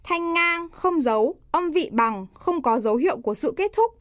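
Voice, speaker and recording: A woman's voice: high-pitched, animated, moderate pace, no echo. A woman teaching pronunciation, reading word lists aloud and articulating each word carefully. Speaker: language teacher.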